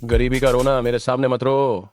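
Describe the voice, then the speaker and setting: A man's voice: medium pitch, level tone, normal speed, a little mellow, slight background noise, natural voice. A man dubbing the role of a contemptuous debt collector who makes threats. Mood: menacing. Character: menacing male debt-collecting thug. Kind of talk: Hindi drama dub.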